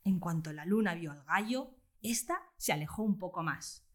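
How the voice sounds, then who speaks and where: A woman telling a children's story aloud in an expressive, animated way. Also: lowish voice, normal speed, echoey room.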